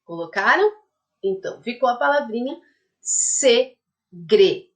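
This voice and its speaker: A woman's voice: mid-range voice, lively intonation, a little slow. A woman primary school teacher giving a lesson to young children. She talks patiently, checks in often with the class, and dictates a word syllable by syllable. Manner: uses many diminutives and checks in with "tá?".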